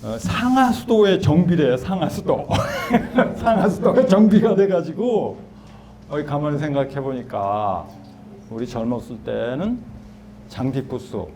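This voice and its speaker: A guest lecturer in his sixties, with a slightly high voice, gives a public talk in a small hall at an unhurried, expressive pace. He keeps things conversational, chatting with the audience and asking them questions, while background noise fills the lecture hall.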